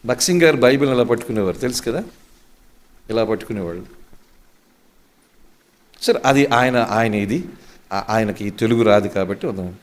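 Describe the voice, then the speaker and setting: A pastor preaching a sermon, firing rhetorical questions and slipping in English phrases. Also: male voice, on the low side, animated, moderate pace, long pauses.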